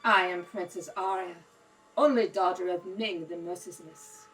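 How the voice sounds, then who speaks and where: A woman's voice: fairly low pitch, steady tone, measured pace, a bit bright, faint music behind, poor audio. Woman playing a bold young space princess. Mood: admiring. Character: bold young alien princess, commanding and amorous. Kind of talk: old-time radio serial acting. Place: home kitchen table. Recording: home recording with faint noise.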